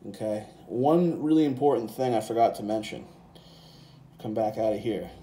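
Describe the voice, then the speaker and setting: Fairly low and dark in tone, the man's voice moves at a moderate pace as he gives an easygoing, hands-on software and synth walkthrough, musing aloud along the way. He's indoors beside a synthesizer keyboard, recorded on a handheld phone with a separate handheld mic.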